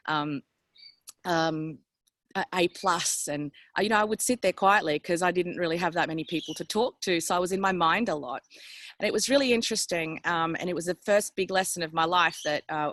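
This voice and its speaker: A woman's voice: deep voice, fairly bright tone, dry recording. A woman in her forties from El Salvador, telling her personal story in a candid, chatty, self-deprecating way over a headset from a public venue. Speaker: guest speaker. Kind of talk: personal story on a video call.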